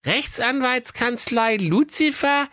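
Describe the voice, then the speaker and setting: A man voicing a cheeky, swaggering male schnitzel hero in a brash, mocking falsetto, for a comic storybook tale. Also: takes it slowly, bright, forceful tone, dry recording, clean studio sound, exaggerated voice.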